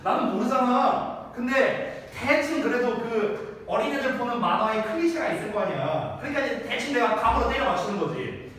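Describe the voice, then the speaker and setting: A man's voice: very high-pitched, lively intonation, normal speed, fairly bright tone, a little hiss or hum. A man in his thirties teaching English to a class, chatty and full of questions to the students, recorded by a distant mic in a large room. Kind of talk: classroom lecture. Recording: echoey hall from far off.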